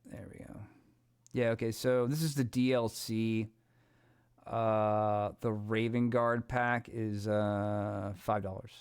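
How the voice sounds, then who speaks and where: A man's voice: on the low side, steady tone, slow, clean tone. Rambling, profane gaming streamer man. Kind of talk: casual gameplay commentary.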